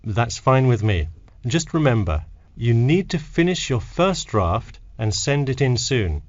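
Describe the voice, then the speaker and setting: A man playing a helpful, matter-of-fact university tutor in a scripted textbook dialogue, with deliberate intonation. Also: mid-range voice, sing-song, no echo, highs cut off. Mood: advising. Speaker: academic adviser in a listening-test dialogue.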